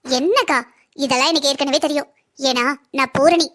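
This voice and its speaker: A woman's voice: sits high, moderate pace, a bit bright. A woman voicing a scheming young cartoon villainess who swapped a baby, sly and mocking. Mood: taunting. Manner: sly, taunting, mocking politeness. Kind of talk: cartoon voice acting.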